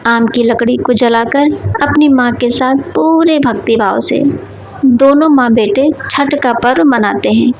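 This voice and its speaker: Woman storyteller, devotional folk tale, high voice, steady pace. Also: unhurried, a little hiss or hum. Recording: dull lo-fi recording.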